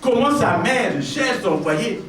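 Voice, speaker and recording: A male pastor preaches slowly in a church hall, his high, animated voice swinging broadly as he drives points home through repetition and speaks directly to those gathered. Picked up from afar, the sound echoes heavily and carries a light hiss.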